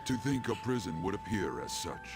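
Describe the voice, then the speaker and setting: A deep, gravelly old man, the sinister master of a dream realm in a video game. He speaks slowly and formally through clenched teeth, his tone swooping theatrically over music. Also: sing-song. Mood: grave foreboding. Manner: slow, formal, ominous. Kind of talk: scripted video game acting. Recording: game audio with music underneath.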